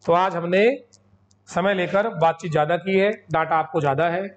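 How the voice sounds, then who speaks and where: High-voiced teacher, chatty and scolding. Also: male voice, steady tone, moderate pace. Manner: chatty, scolding, acts out students in Hindi-English mix. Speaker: English grammar teacher. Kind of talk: coaching lecture.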